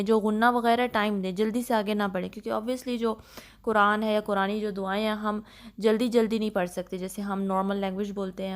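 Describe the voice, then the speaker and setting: Patient woman teaching recitation. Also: mid-range voice. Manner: patient, instructive, mixes English terms into Urdu. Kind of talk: step-by-step tajweed lesson.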